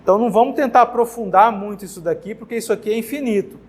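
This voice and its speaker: Man, Brazilian Portuguese accent, high voice, exam-prep grammar teacher, casual, repeats himself. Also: very fast, breathy edge. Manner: casual, repeats words and checks in with "tá?". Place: classroom with whiteboard.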